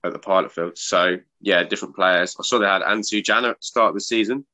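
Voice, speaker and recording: A man's voice: deep voice, fast, sharp tone. A man from England co-hosting a casual podcast, chatting through football research he has done. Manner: chatty, lays out match research. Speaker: podcast co-host. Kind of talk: casual chat.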